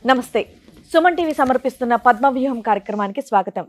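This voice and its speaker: A woman hosting a talk show, welcoming guests politely and briskly. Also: a little high, lively intonation, soft background music. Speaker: show host. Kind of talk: scripted welcome and interview.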